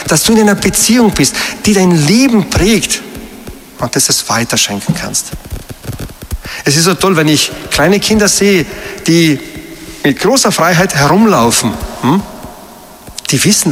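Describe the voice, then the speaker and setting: A man's voice: a little high, a bit bright, long reverb tail. A man giving a sermon as a priest, emphatic and asking his listeners questions. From Meran, South Tyrol.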